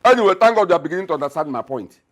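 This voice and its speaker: A man's voice: on the high side, lively intonation, racing, a bit bright. An actor with a Nigerian accent playing a scoffing, bossy middle-aged father in a film drama. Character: gruff scornful middle-aged father, mocking and domineering.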